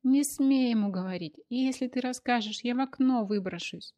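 A woman's voice: a little high, normal speed, warm tone, pitched above the performer's own voice, lightly acted. A woman reading an audiobook voices a distraught young woman who begs through tears. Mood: desperate. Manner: desperate, sobbing pleas.

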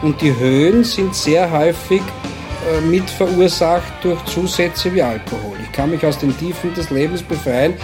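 A man's voice: a little high, moderate pace. Explaining man over faint music. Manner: calm, explaining, speeds up at times. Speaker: senior physician interviewed. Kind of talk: explanatory commentary.

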